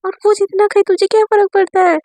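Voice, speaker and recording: A woman's voice: very high voice, little pitch movement, fast, dark tone, dry recording, pitched above the performer's own voice. A woman voicing a young bride who scolds and pleads with her sister. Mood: exasperated.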